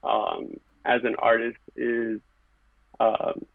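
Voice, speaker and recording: Speaking very slowly and creakily, this man has a medium-pitched voice with a completely flat delivery and no echo. He is a Californian background painter guesting on a podcast, reflecting earnestly in short, filler-laden phrases in casual conversation over a tinny, phone-like, very dry line.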